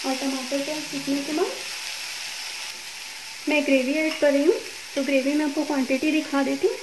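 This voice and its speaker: A cooking channel host walks through each step of a home cooking tutorial at a gas stove, chatty and often saying "okay." Her voice sits high with fairly even intonation at normal speed, over background noise in an echoey kitchen with loud sizzling.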